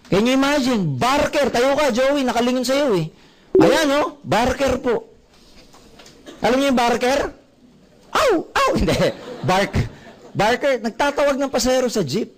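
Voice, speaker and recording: A man with a Filipino accent giving a motivational seminar talk, animated and full of stories told with quoted dialogue. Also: very high voice. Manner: animated, storytelling with quoted dialogue, mixing Tagalog and English. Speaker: network marketing speaker.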